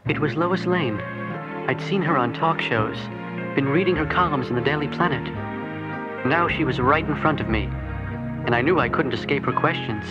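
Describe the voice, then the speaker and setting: A man's voice: on the high side, normal speed, natural voice. Superman, a man playing an earnest young hero. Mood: reflective. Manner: earnest and reflective. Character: earnest young hero recounting his story. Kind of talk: first-person audio drama narration. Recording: dull cassette sound with heavy music.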